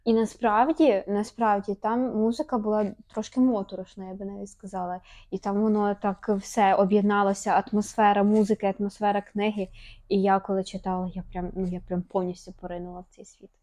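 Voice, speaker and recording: A young woman co-hosting a casual chat, playful and quick with a laugh. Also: medium pitch, flat delivery, warm tone. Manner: playful, laughs between lines. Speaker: podcast co-host asking questions.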